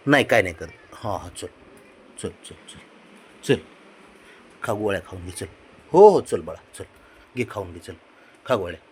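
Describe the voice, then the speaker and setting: Man coaxing his cat, lively pitch. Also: a little slow, pauses often, breathy edge. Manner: coaxing, repetitive, soft-spoken with a pet. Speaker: cat owner. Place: home, indoors.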